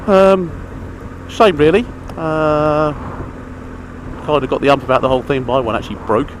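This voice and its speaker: Here the motorcycle vlogger's voice sits on the high side at a moderate pace. He chats casually through a gear review from inside his helmet, rambling in a matter-of-fact way over engine noise, traffic and the outdoors.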